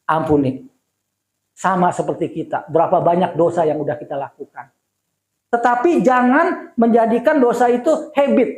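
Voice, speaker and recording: A male pastor preaching a sermon at a church service, telling stories in a conversational, animated way. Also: sits high, moderate pace, echoey room, low-quality recording.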